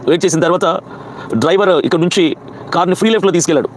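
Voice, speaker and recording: A pastor with a Telugu accent tells his story at a breakneck pace. His voice sits high and keeps pressing forward, agitated. Faint street traffic hums behind him outdoors. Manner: rapid, agitated storytelling with acted quotes. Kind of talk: recounting a personal incident.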